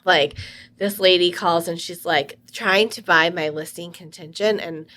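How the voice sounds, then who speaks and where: A woman in her thirties, a realtor co-hosting a podcast, chatting casually and telling animated stories with frequent laughter. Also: on the low side, a little slow. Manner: animated storytelling, laughs often. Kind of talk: casual chat.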